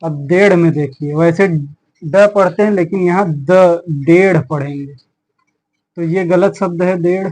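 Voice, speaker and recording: Slow, higher-voiced male Hindi teacher. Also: darkish tone, low-quality recording. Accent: Hindi, Uttar Pradesh. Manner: slow, explaining words one by one with repeated "theek hai". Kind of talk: exam-prep lesson.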